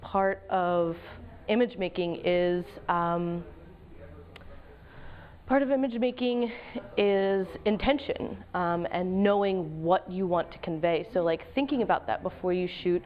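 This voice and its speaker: Low-voiced American woman, dull recording. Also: slight background noise. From Pennsylvania, United States. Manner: halting, conversational, reflective. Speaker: professional photographer and project advisor. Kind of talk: informal interview answers.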